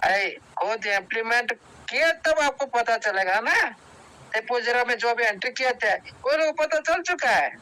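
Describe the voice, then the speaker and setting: A man speaking in an online meeting, urging his listeners to take decisions, talking in repetitive, halting bursts with restarts. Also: extremely high pitch, lively intonation, pushed and bright, poor audio. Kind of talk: motivational speech to a group. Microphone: video call.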